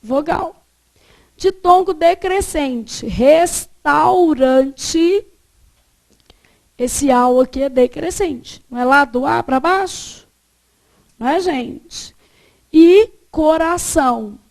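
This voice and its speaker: A woman's voice: sits high, slow pace, darkish tone. A woman teaching a grammar lesson, asking the class questions and answering them herself.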